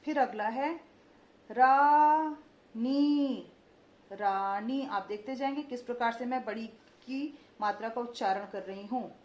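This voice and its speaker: A young woman teaching children Hindi vowel marks, drawing out each word slowly and asking call-and-response questions. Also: fairly high pitch, darkish tone, echoey room. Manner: slow, drawn-out pronunciation of each word, stressing vowel length; frequent "ठीक है" check-ins and call-and-response questions. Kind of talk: children's Hindi phonics lesson. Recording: slightly dull lo-fi recording.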